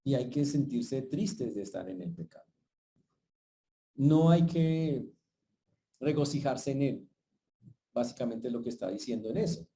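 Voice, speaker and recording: Pastor guy preaching, super mellow dark voice, keeps asking ok? to the church. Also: mid-range voice, animated, unhurried, pauses often, low-quality recording. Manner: preaching directly to the congregation, checking in with frequent "¿ok?". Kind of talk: sermon.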